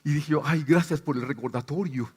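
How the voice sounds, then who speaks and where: High-voiced animated Guatemalan pastor. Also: male voice, fairly quick, very noisy. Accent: Guatemalan Spanish. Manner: animated storytelling, acts out voices. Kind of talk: sermon.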